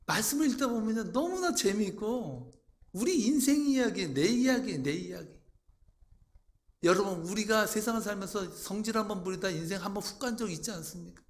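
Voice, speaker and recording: A man preaching a sermon as pastor, acting out quoted voices with sudden loud outbursts. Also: high-pitched, expressive, moderate pace.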